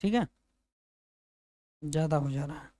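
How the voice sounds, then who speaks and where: A male teacher leads an exam-prep geography lesson at an unhurried, slow pace. He repeats each fact and turns it into a question for his class to answer back. His voice sounds dry and close, with no room echo. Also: fairly high pitch, dark tone. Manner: drills points by repeating them as questions to students; slow, repetitive explaining.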